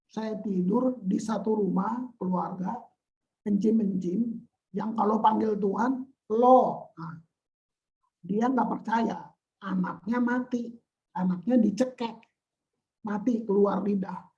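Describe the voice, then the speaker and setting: A male pastor preaching a lively sermon in casual style slang, acting out people's prayers in playful voices. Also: high-pitched, slow pace, lo-fi sound. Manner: animated, slangy, acts out prayers in funny voices.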